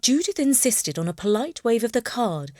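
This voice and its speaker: A woman narrating a children's storybook in an expressive, playful reading. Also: a little high, moderate pace.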